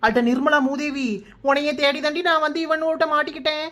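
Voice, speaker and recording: A woman's voice: high-pitched, fairly even intonation, a little fast, a bit bright. A woman voicing a brash young bride-to-be in a cartoon, with a Kanyakumari Tamil accent, hurling insults and wailing for help. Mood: scolding panicky. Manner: scolding, wailing, full of insults. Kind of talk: cartoon voice acting.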